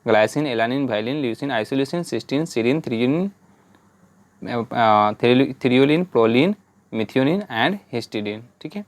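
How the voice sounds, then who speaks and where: A man's voice: mid-range voice, animated, normal speed, dry recording. Guy teaching a class, patient, keeps saying "right? okay?", mid voice, dry close sound. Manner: patient, repeats "है ना" and "ठीक है" often; spells out letters and drills lists step by step. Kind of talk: whiteboard lesson.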